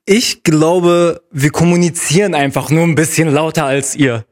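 A man's voice: on the high side, fairly even intonation, normal speed. A man in a casual discussion, explaining things with a wry, teasing manner.

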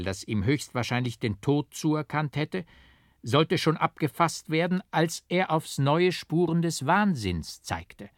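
A man's voice: mid-range voice, no echo, studio quality, lightly acted. A man voicing a friendly older criminal judge who confides news in a storybook reading.

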